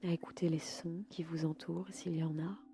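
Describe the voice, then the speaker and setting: A woman leading a guided yoga nidra sleep meditation in a slow, soft and soothing way. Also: low-pitched, flat delivery, faint music behind.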